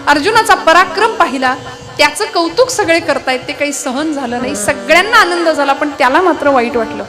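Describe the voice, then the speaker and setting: A woman preacher telling an epic story in a devotional kirtan, lively, with rhetorical questions and asides to the crowd. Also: high voice, a little fast, over music.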